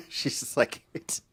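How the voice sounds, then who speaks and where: A man who performs at an open mic, chatting casually between songs and rambling with many fillers and restarts. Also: fairly bright tone. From Maryland area, USA.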